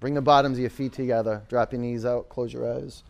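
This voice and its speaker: A man's voice: medium pitch, steady tone, fairly quick, gravelly, a little mellow. A man working as a yoga instructor, calling out rep counts and short commands as he leads a vinyasa class.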